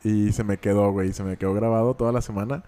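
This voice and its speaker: A man's voice: on the low side, fairly even intonation, fast talker, warm tone. Slangy Mexican man telling stories. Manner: slangy, storytelling, swears casually. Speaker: podcast co-host. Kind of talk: casual chat.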